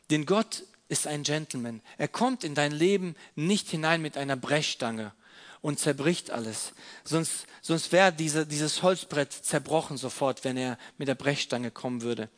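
A man preaching a sermon as an object lesson, explaining while he handles props and repeating his key phrases earnestly. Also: on the high side.

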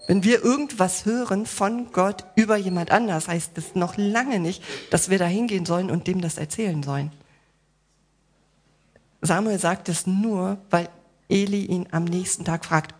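A woman preaching a sermon, speaking straight to the congregation with rhetorical questions, playful asides and gentle reassurance. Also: lowish voice.

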